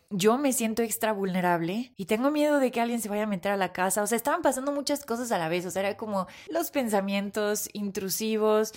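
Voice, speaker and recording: A woman's voice: mid-range voice, a little mellow. A woman with a Mexican accent hosting a podcast, telling a personal story in a candid way and swearing casually. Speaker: podcast host.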